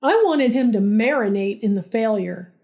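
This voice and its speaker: A woman's voice: on the high side, lively intonation, moderate pace, lo-fi sound. A woman narrating a funny relationship story in a dry, sarcastic way.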